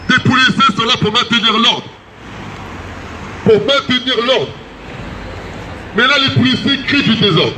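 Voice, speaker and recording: High-voiced man giving a fiery street speech. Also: normal speed, long pauses. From France. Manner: insistent, repeats each key phrase. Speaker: activist speaking at a protest. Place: outdoors on a city street. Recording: echoey street with loud background noise.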